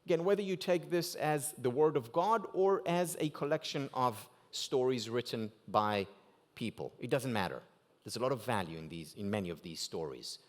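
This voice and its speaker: A native Hebrew speaker with an Israeli accent delivers a motivational keynote at a gala dinner in a banquet hall. His medium-pitched voice moves at a moderate pace with lively intonation, and he asks rhetorical questions, using strong rises and drops to punch key words.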